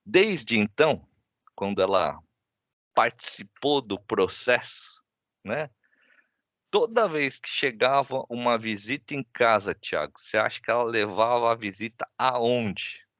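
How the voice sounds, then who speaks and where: A man's voice: mid-range voice, animated, a little slow, fairly bright tone, no echo, lo-fi sound. A man telling a casual family anecdote, with many "né?" tags, acting out the lines of his family. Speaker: guest speaker. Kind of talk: casual storytelling in a talk.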